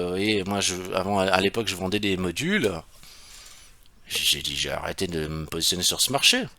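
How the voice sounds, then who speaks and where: A man gives a screen-share tutorial, talking in a loose, conversational way. His voice sits fairly low but sounds bright and forceful, and it stays close and dry with no room sound. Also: dry recording. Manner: conversational, emphatic explaining with rhetorical questions. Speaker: e-commerce consultant.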